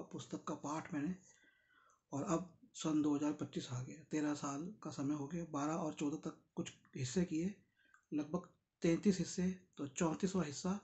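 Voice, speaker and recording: A tired-sounding man reads from a Buddhist book and explains it conversationally, addressing his listeners directly. His voice is on the high side with a dark tone.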